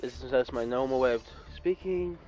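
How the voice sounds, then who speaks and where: A man's voice: mid-range voice, moderate pace, warm tone, faint music behind. A man in his twenties from California giving casual, rambling gameplay commentary and correcting himself as he goes. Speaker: gaming YouTuber.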